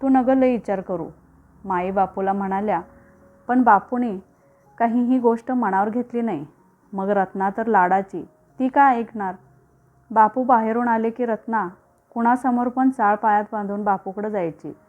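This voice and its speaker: A woman narrating a village suspense story in a steady, even storytelling voice. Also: mid-range voice, moderate pace, narrow, tinny audio.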